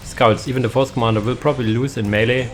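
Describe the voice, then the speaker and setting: A man's voice: medium pitch, steady tone, fast talker, slight background noise. A young man giving casual, hesitant commentary on a strategy game match, with many fillers and restarts. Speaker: caster.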